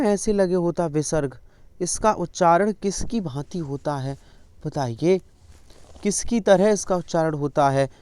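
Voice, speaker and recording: A man's voice: fairly high pitch, a little mellow, clean tone, no room sound. A male teacher running an exam-prep lesson, repeatedly coaxing students to answer his questions.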